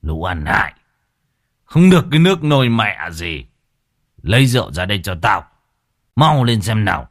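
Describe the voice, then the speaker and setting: A man playing a drunken broken-down father, slurred drawling speech, low voice, swings up and down in pitch, dry close sound, audiobook story. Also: sing-song, normal speed, pauses often, dry recording. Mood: angry shouting. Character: drunken ruined middle-aged father, gambler.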